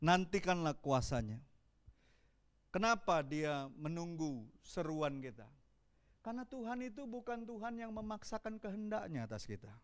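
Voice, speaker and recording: A man with a Palembang accent preaching a sermon as pastor, animated and calling out to the congregation. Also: high-pitched, normal speed.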